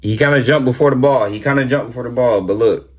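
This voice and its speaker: A man reacting casually to football highlights, excitable, repeating exclamations and talking back at the players. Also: fast. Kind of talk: casual sports reaction commentary.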